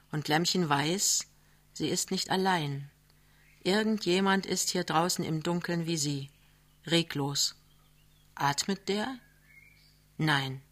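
Female literary reader; quiet, measured, unhurried. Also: low voice. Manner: slow, hushed, measured. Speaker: audiobook reader. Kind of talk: literary reading. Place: live reading soirée.

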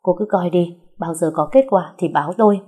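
A woman's voice: on the low side, fairly quick, mellow, slightly rough. A woman reading as a genial young master. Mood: easygoing. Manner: polite but authoritative. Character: young gentleman of a rich household, good-natured and commanding.

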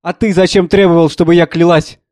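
A man's voice: fairly high pitch, little pitch movement, brisk, darkish tone, dry recording, studio quality, natural voice. A man voicing a tearful, resentful middle-aged wife and mother who pleads and accuses. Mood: distraught.

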